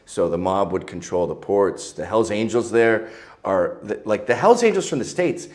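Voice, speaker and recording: A man's voice: lowish voice, animated, moderate pace, darkish tone. A middle-aged man, telling stories as an interview guest in a crude, joking, provocative way. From Canada. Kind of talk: casual interview storytelling.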